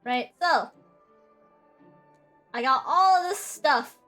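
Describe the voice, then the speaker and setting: A woman's voice: high-pitched, lively intonation, slow pace, fairly bright tone. A young woman streamer chatting casually and rambling with lots of fillers. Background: faint background music.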